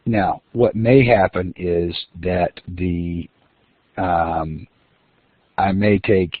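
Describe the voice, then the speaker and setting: An instructor with a low-pitched, fairly even voice lectures extremely slowly, with no room sound. He breaks things down step by step, using fillers and restarts, and the recording is dry and phone-like lo-fi.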